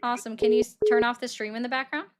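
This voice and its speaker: A woman's voice: on the high side, level tone, very fast. A woman hosting a political call-in livestream, talking bluntly and pushing back firmly on her callers. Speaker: host taking viewer calls.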